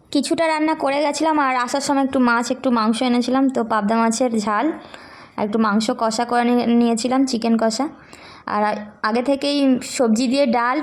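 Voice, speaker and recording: A young woman narrating a casual family vlog, chatting directly to her viewers about her day. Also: on the high side. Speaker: vlogger mother.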